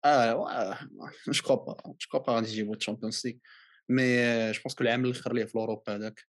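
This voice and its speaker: Moroccan-accented man, very rapid casual sports debate, insistent, French phrases mixed in, mid-range voice. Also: mid-range voice, fairly even intonation. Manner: mixes in many French phrases.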